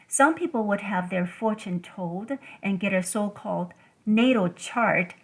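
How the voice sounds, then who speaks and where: Woman host, measured delivery. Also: mid-range voice, poor audio. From Taiwan. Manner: measured, deliberate delivery listing items one by one. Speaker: podcast host. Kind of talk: scripted solo talk.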